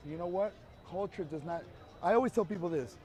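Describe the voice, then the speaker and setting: A man speaks in a high, warm voice at a brisk clip, working to convince a passerby on a city street. He's a street activist whose delivery is earnest and emphatic.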